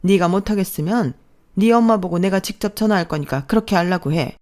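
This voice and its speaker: A woman's voice: mid-range voice, brisk, a little mellow, lightly acted. A woman voicing an overbearing middle-aged mother-in-law who talks in a demanding, sneering way. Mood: bossy sneering.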